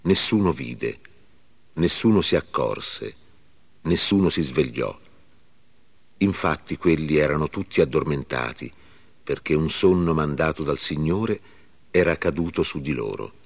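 A man reading a scripture passage aloud in a measured, solemn manner. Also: very deep voice, expressive, gravelly, breathy edge. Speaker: scripture reader.

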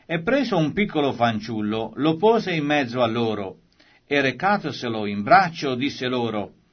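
A man reads a scripture passage aloud with steady, solemn narration. His voice sits at a middle pitch. The recording is a little dull and lo-fi. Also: measured pace. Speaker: scripture reader. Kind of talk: scripted Bible reading.

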